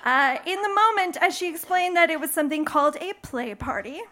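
On stage before a live audience, a young Midwestern American woman tells a bawdy, playful personal story, laughing through her lines. Her very high voice is sharp in tone, with lively intonation and a slightly fast pace.

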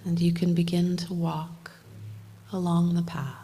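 A woman leading a guided meditation like a sleep story narrator, speaking gently in short, unhurried phrases with long pauses. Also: on the low side, flat delivery, husky.

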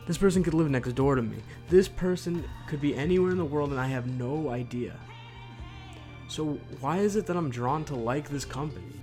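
A man's voice: a little high, moderate pace, a little mellow, soft background music. A man narrating a scripted, reflective intro as podcast host. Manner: reflective, musing.

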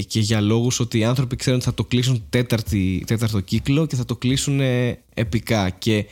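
Male podcast co-host, mid-pitched, rambling and animated. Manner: rambling, animated, many fillers and restarts. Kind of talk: casual chat.

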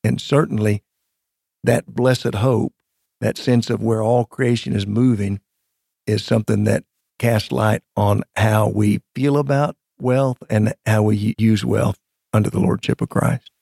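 Guy teaching theology in an interview, super creaky dark voice, close dry sound, measured phrasing. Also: fairly low pitch, flat delivery, no room sound. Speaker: guest Bible scholar. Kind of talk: explanatory theological interview talk.

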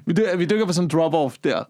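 A man co-hosting a casual podcast, rambling through long stories and swearing freely. His voice sits a little high for a man. The sound is dry and close to the mic, with no room tone. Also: a little mellow, no echo. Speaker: podcast co-host.

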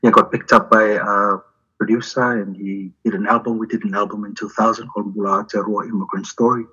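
A middle-aged man from Fiji speaks in a very low, bright-edged, husky voice. He talks in a halting way, full of uhs and ums. The audio is muffled and lo-fi. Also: level tone. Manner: halting, with many fillers like uh and um. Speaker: poet, interview guest. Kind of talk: relaxed interview conversation.

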